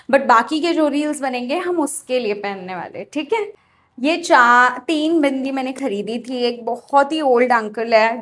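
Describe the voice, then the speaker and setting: A young Indian woman vlogging casually about her makeup and outfit, switching between Hindi and English. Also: on the high side. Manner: chatty, mixing Hindi and English. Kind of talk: casual beauty vlog narration.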